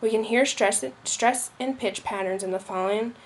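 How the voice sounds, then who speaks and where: A woman's voice: on the high side, normal speed, a little hiss or hum. A young woman reading a school presentation aloud, with occasional slips and restarts. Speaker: student presenter.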